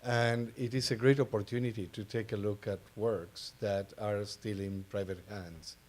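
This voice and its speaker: An art advisor sitting on a panel gives a personal introduction in an informal talk, speaking hesitantly and casually. He is a native Spanish speaker with an Argentine accent, and his voice is on the low side, steady in tone, at a moderate pace.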